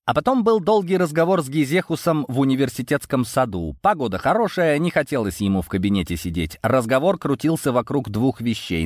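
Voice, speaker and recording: A man narrates an audiobook in the first person, wry and conversational. His voice sits low. It is recorded close and dry, with no room sound. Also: dry recording.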